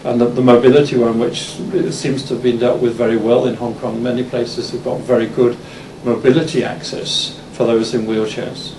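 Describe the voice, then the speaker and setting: An English-born man from Denmark, in his fifties, delivers a university conference lecture in a level-toned, mid-range voice with an English accent. He restarts frequently and leans on fillers, and the hall audio is distant, roomy, and noisy.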